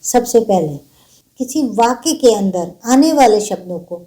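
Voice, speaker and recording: A woman teacher talks slowly and patiently, working through grammar rules one example at a time. Her voice sits at a middle pitch with a mellow, soft tone. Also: expressive. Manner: patient, explains step by step with examples. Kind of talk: grammar lesson.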